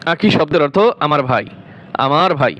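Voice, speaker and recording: A man's voice: fairly high pitch, moderate pace, a bit bright, lo-fi sound. A man teaching Quran recitation, spelling out letters and drawing out each syllable, repeating words several times before explaining them. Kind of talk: slow spelled-out recitation lesson.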